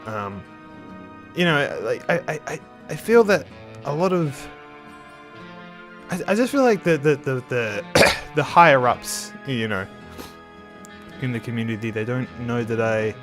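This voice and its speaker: A man hosting his art channel chats casually over a speed drawing, faint music playing behind him. His medium-pitched voice is a bit bright and lively yet unhurried, though slightly nasal since he is a little sick, and he rambles with many restarts.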